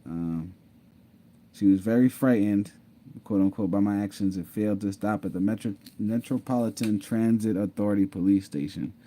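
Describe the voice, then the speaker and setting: A man with a fairly low, warm voice tells his own story at a normal pace during a casual screen share. He laughs, goes over the same points again and keeps saying "mind you."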